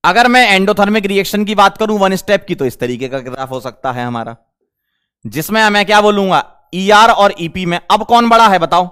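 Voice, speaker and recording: A male chemistry teacher lecturing a class, firing quick questions at the students. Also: high-pitched, fairly bright tone, clean tone.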